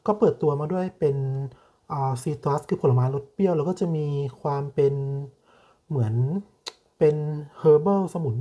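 A man hosting his own channel, giving a casual, polite perfume review with slow, hesitant delivery and many drawn-out filler sounds. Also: on the high side, mellow, lo-fi sound.

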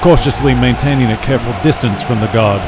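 A man's voice: medium pitch, fast, heavy background noise. A man giving a scripted, dramatic story narration as a voice-over narrator. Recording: music behind the voice.

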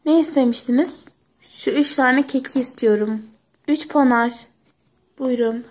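A woman's voice: sits high, unhurried, darkish tone. A young woman performing every part of a homemade pony toy story, switching between chatty playful character voices.

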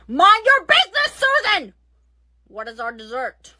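Comedy skit: a woman doing a stubborn old lady who whines and drawls slowly, high and bright. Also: huge pitch swings, full character voice. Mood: cranky. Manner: cranky, whiny, slow drawl. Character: cranky, stubborn elderly woman in a nursing home.

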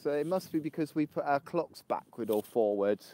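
A man's voice: a little high, animated, moderate pace, warm tone, slight background noise, low-quality recording. An English man in his fifties from just north of London, chatting and joking with viewers on a live stream while walking outdoors in the cold. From England. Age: 50s. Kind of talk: casual live chat with viewers.

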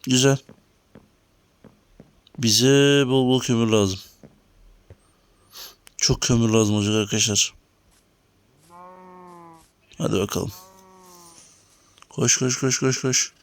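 A man's voice: mid-range voice, fairly even intonation, takes it slowly, pauses often. A man giving casual commentary on his own game, talking to viewers and grumbling about lag. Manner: talks to viewers while playing, grumbling at lag. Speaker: gaming channel host. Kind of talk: casual let's-play commentary.

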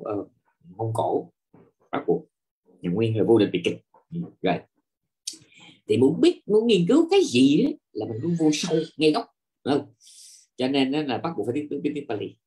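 Male monk teacher, dharma lecture, pitch swings widely, asks the class rhetorical questions, stalls on repeated fillers. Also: darkish tone. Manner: repeats filler words while searching.

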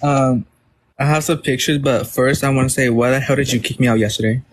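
A man's voice: medium pitch, steady tone, brisk, rough recording. A man calling into a live stream by phone, hesitant and fumbling with his camera. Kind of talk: casual chat.

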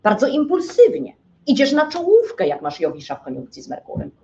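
In a dull lo-fi lecture recording with a little hiss or hum, a woman delivers a live astrology talk in a high, mellow voice with huge pitch swings, speaking a bit fast. She regularly checks in with her audience, posing rhetorical questions and answering them herself.

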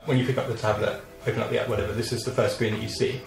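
A man's voice: on the low side, level tone, very fast, vocal fry, roomy sound, faint music behind, low-quality recording. A man, a designer and engineer, explaining a proposal in a plain, practical way.

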